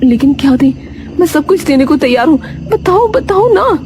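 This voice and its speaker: A woman voicing a greedy, headstrong village wife who is insistent and sharp-tongued. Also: high-pitched, moderate pace, over music, close to an everyday voice.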